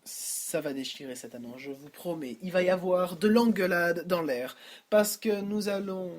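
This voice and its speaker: In a high voice at normal speed, a young man hosts a casual solo podcast, joking and rambling as he goes. He frequently interrupts and corrects himself mid-sentence, recording at home without headphones.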